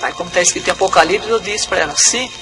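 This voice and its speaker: Pastor with high voice. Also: male voice, very fast, rough recording. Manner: repetitive, dramatic retelling. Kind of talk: religious testimony. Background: music.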